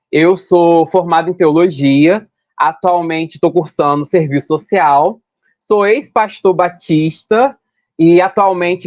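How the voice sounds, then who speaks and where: A man's voice: a little high, dry recording. A young man from Rio de state, hosting a podcast in a chatty, rambling way, often correcting himself. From Rio de Janeiro state, Brazil. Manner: chatty, rambling, with self-corrections and long lists. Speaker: podcast host. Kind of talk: casual podcast chat. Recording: dull lo-fi sound, dry.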